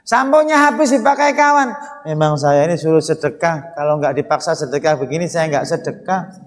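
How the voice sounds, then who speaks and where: A man preaching a humorous sermon, animated and joking, his tone swinging up and down. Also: fairly high pitch, brisk. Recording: long hall reverb.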